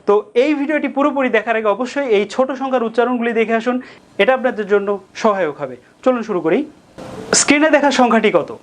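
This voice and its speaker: A woman teaching a tutorial lesson, with a Bangladeshi accent, explaining slowly and deliberately with repeated examples. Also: a little high, animated. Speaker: English tutor.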